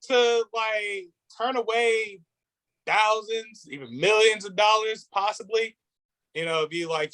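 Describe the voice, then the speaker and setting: Laid-back, slangy man on a podcast. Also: sits high. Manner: relaxed, slangy, storytelling. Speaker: podcast co-host. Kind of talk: casual comedic chat.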